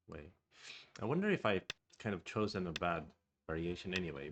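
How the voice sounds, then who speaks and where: A low-voiced Swedish man, speaking with a Swedish accent, live-streams his go game and thinks aloud in a hesitant, musing way. A little background noise can be heard.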